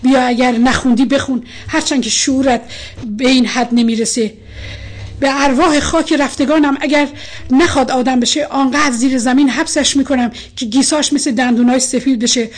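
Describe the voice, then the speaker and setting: A woman's voice: high voice, steady tone. A woman voicing an angry, stern older male colonel who scolds his daughter in a storybook reading. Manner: shouting, scolding.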